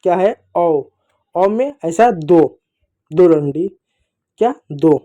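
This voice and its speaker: A man teaching young children to read in a slow, patient way. He repeats each sound, asks the children to echo it and calls them dear children. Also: sits high, expressive, mellow, muffled recording. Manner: addresses children fondly. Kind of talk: children's reading lesson.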